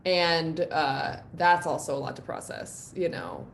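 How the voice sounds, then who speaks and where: Low and creaky, a little slow, a NYC guest musician's voice carries a reflective, openly personal live-stream chat packed with ums and likes.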